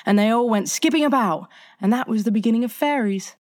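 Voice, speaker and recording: A woman's voice: fairly high pitch, brisk, darkish tone, pitched above the performer's own voice, lightly acted. A woman voicing an eager, boastful boy who never wants to grow up, for a storybook reading. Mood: explaining. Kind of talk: audiobook character voicing.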